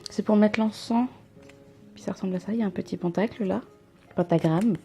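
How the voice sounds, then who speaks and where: A woman's voice: mid-range voice, a little fast, warm tone, faint music behind. A young woman vlogging an unboxing at home into a camera mic, chatty and rambling with self-mocking asides. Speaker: vlogger unboxing a subscription box. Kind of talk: casual unboxing chat.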